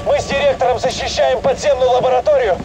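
A forceful male field agent from a combat video game. He sounds military and steadfast, with very high, strained pitch. Loud music is behind him. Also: fairly even intonation, fast. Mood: resolute.

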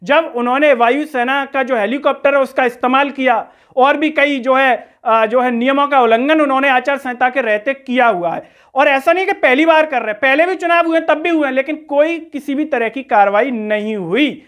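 Speaking at a moderate pace, this man has a very high, rather bright voice. He hosts news commentary, posing rhetorical questions and leveling accusations about politics, recorded in a small room indoors.

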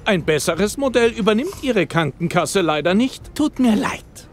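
An actor playing a dry, deadpan male shop clerk in a video game, with polite sales talk. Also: sits high, unhurried, faint music behind. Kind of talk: game voice acting.

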